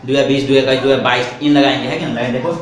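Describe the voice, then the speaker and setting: A man teaching a spoken English lesson in Hindi. He asks questions and answers them himself, and he slows right down for the English example sentences. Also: mid-range voice, little pitch movement. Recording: echoey room with faint background noise.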